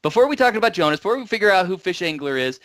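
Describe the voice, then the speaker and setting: A man's voice: high voice, very animated, racing, a bit bright, no room sound. Upbeat joking male show host. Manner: upbeat, joking, rambling with restarts. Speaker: podcast host. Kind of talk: casual tech show chat.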